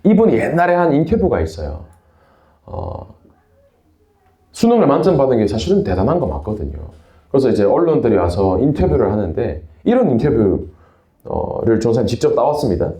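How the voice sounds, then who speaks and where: A young man with a Busan Gyeongsang accent gives a sermon to teenagers, his mellow voice rising and falling freely as he tells stories. The sound carries a roomy echo from a church hall. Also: medium pitch, wildly swooping pitch, fairly quick. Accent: Busan Gyeongsang dialect. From Busan, South Korea. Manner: chatty storytelling, refers to himself in third person. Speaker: youth pastor. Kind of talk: sermon to a youth group.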